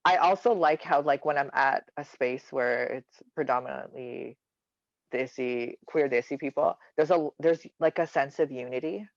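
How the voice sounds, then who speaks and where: A man who performs in drag, a podcast guest in casual chat, animated and self-mocking. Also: medium pitch, normal speed, vocal fry, no echo. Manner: animated, self-mocking, laughs between thoughts. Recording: dull, dry lo-fi recording.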